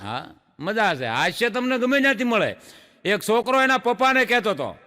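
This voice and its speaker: A man's voice: sits high, big pitch swings, normal speed, background noise. A man telling jokes, playfully addressing a live audience on stage. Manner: folksy storytelling, playful asides to the audience. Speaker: stand-up comedian. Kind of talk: stand-up joke telling. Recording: reverberant hall.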